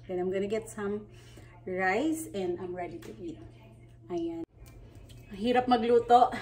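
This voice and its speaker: A woman's voice: medium pitch, darkish tone, recorded from a distance, slight background noise, rough recording. A woman with a Filipino accent, chatting playfully and giggling as she cooks in her home kitchen. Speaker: cooking vlogger. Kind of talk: casual cooking demonstration. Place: home kitchen at the stove, indoors.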